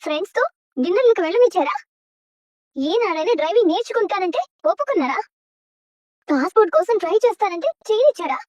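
Defiant bride-to-be, very high lively voice, indignant, dry sound, TV drama. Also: female voice, no room sound. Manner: indignant, sharp, fast retorts. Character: spirited young woman, bride-to-be, angry and defiant. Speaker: young woman refusing an arranged match. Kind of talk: TV serial drama.

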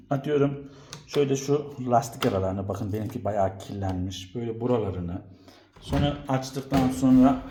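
A man giving a casual, halting step-by-step household demonstration in speech, his voice ringing with echo in a bare room at home. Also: mid-range voice, noisy background. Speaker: home appliance vlogger. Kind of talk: casual explainer to camera. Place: indoors at home, room without carpets.

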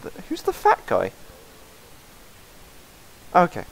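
A man's voice: slow, low-quality recording. A man commenting on a video game as he plays, rambling and mumbling in a self-mocking way. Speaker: let's play host. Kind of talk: casual gameplay commentary reading game dialogue aloud.

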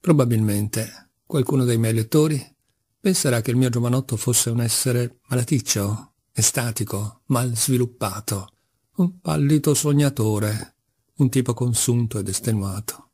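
A man reading a novel aloud as an audiobook narrator, measured and deliberate. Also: mid-range voice, dark tone, slightly rough. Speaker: audiobook reader. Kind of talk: scripted literary narration.

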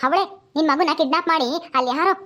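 A woman playing a brisk commanding policewoman, high voice, quick talk, village family drama. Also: fairly bright tone. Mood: explaining. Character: brisk female police officer.

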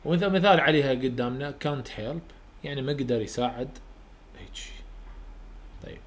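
A man with an Iraqi Arabic accent, a university English tutor giving a lecture, repeating each rule slowly so students can write it down and explaining in casual, colloquial terms. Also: medium pitch, a little hiss or hum. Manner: repeats rules slowly for dictation.

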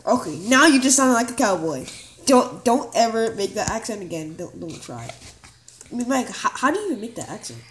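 A woman giving casual, rambling commentary over a gameplay video, excitable and full of quick exclamations. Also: fairly high pitch, a little hiss or hum.

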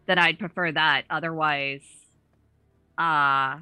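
Field: low, flat-voiced woman player. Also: slow pace, clear, resonant tone, no echo. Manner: hesitant, thoughtful.

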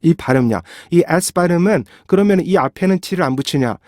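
Man, pronunciation teacher, a little high, dry and close, repeats syllables slowly and checks in often. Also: expressive, a little mellow, no room sound. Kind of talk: recorded video lesson.

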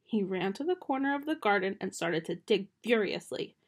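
Reading a children's picture book aloud at home, a young woman uses a gentle storytime manner, her mid-range voice lively in intonation at a moderate pace. A close webcam in a small bedroom captures her.

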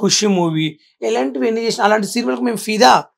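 High gravelly man, Telangana Telugu accent. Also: fast. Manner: boastful, repeats catchy self-made rhymes. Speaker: interviewee. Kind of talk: casual interview chat.

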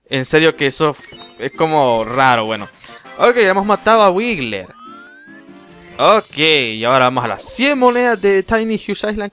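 A man giving casual, rambling gameplay commentary as a let's play host, with quick exclamations. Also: mid-range voice, sharp tone.

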